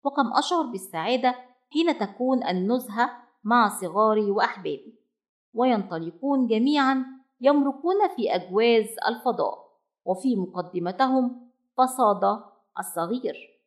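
A woman's voice: on the high side, expressive, moderate pace, lightly acted. A woman voicing a loving but firm mother bird in a storybook reading, speaking sternly and decisively and then with tenderness. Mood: tender.

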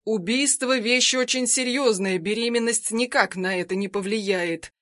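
A woman voicing a desperate husband who pleads with an armed woman and shouts urgent threats to save his wife. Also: on the high side, unhurried, no room sound, studio quality. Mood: urgent, pleading.

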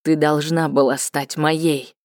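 A woman's voice: level tone, slow, darkish tone, no room sound, clean studio sound. A woman reading an audiobook voices a bitter, vengeful male cat-folk lord who speaks coldly with hatred. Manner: cold, low and hissing with hatred.

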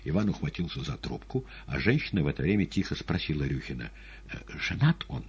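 Deep, husky male audiobook narrator. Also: fast. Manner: dramatic, expressive reading. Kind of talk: expressive literary narration.

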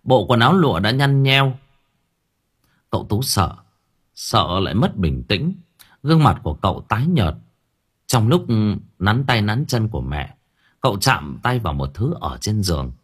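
A man narrating a serialized novel for an audiobook in an expressive storytelling manner. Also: fairly low pitch, slightly rough.

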